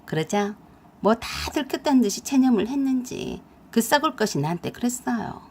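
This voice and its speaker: A young adult woman narrating a family story in a lively, blunt and confiding way. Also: on the high side, moderate pace, breathy edge.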